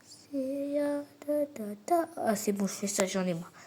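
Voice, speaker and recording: A woman with a fairly high voice plays a football video game and talks through every attempt. She keeps repeating her complaints, and every so often she drops into a mock sports-commentator delivery. A faint noise sits under her voice. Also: expressive, a little slow, dark tone. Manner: frustrated, repeats complaints over and over. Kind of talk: casual gameplay commentary.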